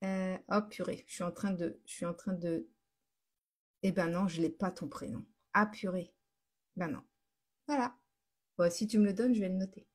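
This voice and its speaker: With a lowish, slightly rough voice, steady tone, and moderate pace full of pauses, the host of a daily live stream chats casually with viewers and answers them as she goes. She laughs a lot and keeps restarting and self-correcting her sentences.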